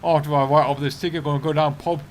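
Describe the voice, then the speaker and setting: A man's voice: on the high side, flat delivery, quick pace, slight background noise, lightly acted. A man voicing a blustering British police officer with an exaggerated British accent, delivering pompous, indignant outbursts as a comedic impression. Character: blustering British male bobby issuing penalties.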